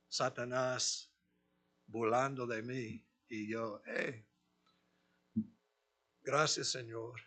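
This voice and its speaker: Slow, forceful preaching man. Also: medium pitch. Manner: slow, deliberate preaching with long pauses and forceful emphatic peaks. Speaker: pastor. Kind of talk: sermon. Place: church.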